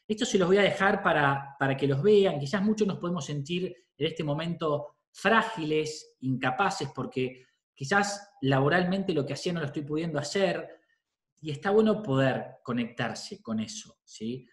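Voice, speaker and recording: A man's voice: fairly high pitch, lively intonation, normal speed, roomy sound. A middle-aged man with a Rioplatense Spanish accent, a psychologist giving parents an informal talk, often checking in with a questioning "¿sí?". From Argentina. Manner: conversational, often adds a questioning "¿sí?".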